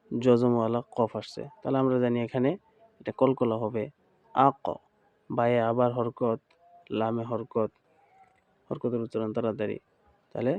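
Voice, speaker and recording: Bangladeshi man, recitation teacher, very slow deliberate speech, slightly muffled dry recording. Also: mid-range voice, warm tone, no room sound. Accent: Bangladeshi Bengali. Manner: slow and deliberate, rhythmically chanting letter sounds and repeating drills.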